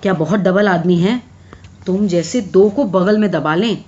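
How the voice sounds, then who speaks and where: A woman's voice: lowish voice, a little mellow, lo-fi sound, close to an everyday voice. A woman voicing a sheepish pleading man. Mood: panicked.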